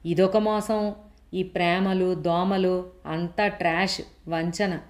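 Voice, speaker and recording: A woman's voice: fairly low pitch, fairly even intonation, slow. A woman voicing a fiery middle-aged woman who hates men, talking sharply and indignantly in a raised voice. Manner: sharp, indignant, shouting accusations.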